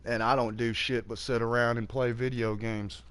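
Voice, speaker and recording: A laid-back man in his early forties rambles on casually, swearing freely. His voice sits at an ordinary middle pitch, and his talk is loose and unhurried. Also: little pitch movement, fairly bright tone, clean tone. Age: 40s. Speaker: streamer. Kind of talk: casual chat while gaming.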